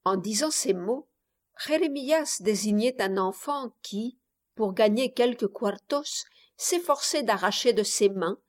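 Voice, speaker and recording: Woman, audiobook narrator, literary reading, slow, measured. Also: fairly high pitch. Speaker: audiobook reader.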